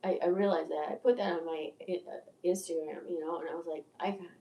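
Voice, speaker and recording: A woman in her sixties, a video creator, rambles through a candid and profane livestream monologue, stammering and restarting as she goes. Her voice is fairly low and warm, with fairly even intonation and a quick pace. She sounds distant from the mic in an echoey room.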